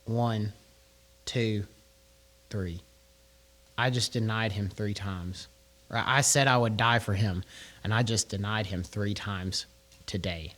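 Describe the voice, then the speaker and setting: A man voicing a remorseful grown disciple who is stunned by his own failure, speaking slowly and quietly with his voice sinking lower. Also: steady tone. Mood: dismayed. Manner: slow, hushed counting, voice sinking lower.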